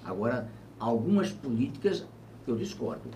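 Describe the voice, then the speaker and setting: A man in his seventies, a former governor, talks through politics in an interview, reflective and measured with emphatic bursts. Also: medium pitch, very animated, vocal fry, mellow. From Brazil. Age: 70s. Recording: distant mic with faint ambient noise.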